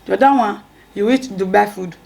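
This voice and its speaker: A woman's voice: medium pitch, a little fast, gravelly, a little mellow. A woman with a West African accent in casual, bantering chat as she eats soup, often repeating herself and humming between phrases. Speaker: wife in a couple's mukbang video.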